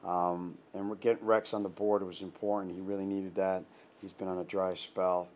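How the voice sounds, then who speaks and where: A middle-aged man, a head soccer coach, giving a halting post-game interview full of restarts and fillers. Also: low-pitched, little pitch movement, a little mellow, slight background noise. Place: indoor press backdrop. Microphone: clip-on lapel mic.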